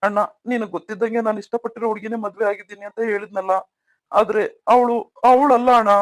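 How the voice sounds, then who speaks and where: A man's voice: sits high, little pitch movement, fast, dry recording, lightly acted. A man voicing an earnest, pleading younger brother. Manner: pleading, emotional. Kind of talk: cartoon story voice acting.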